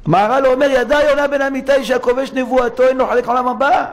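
The sermon comes from a male rabbi whose very high voice stays steady. Speaking in a synagogue study hall, he dramatically impersonates complainers through rhetorical questions.

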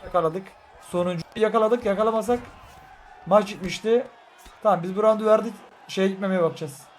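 A young man commentating live as he plays a fighting game, frustrated and excitable, muttering one moment and shouting the next. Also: sits high, a little fast. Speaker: gaming streamer. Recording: faint crowd and game noise behind.

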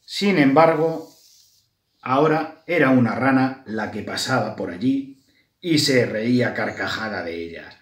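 A library storyteller reads a children's story aloud slowly and with liveliness, speaking to the children as she goes. The mid-range voice sits far from the mic, and the recording has a roomy echo.

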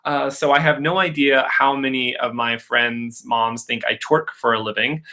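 A man's voice: mid-range voice, steady tone, moderate pace, bright, forceful tone. A young adult man hosting a live Q&A webinar on a video call, chatty and upbeat, telling stories with many filler uhs. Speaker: public speaking coach hosting a Q&A. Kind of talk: casual live webinar talk and storytelling. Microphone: webcam on a video call.

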